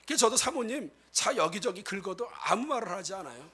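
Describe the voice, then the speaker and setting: A male pastor giving a lively sermon, acting out quoted speech and often addressing the congregation directly. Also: high voice, a little fast, slightly rough. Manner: animated, acts out quoted speech.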